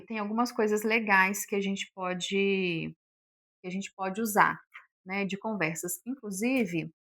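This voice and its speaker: A woman's voice: mid-range voice, fairly bright tone. Chatty woman teaching sales tips. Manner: chatty, explains with sample phrases, many fillers. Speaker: sales instructor. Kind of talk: casual online lesson.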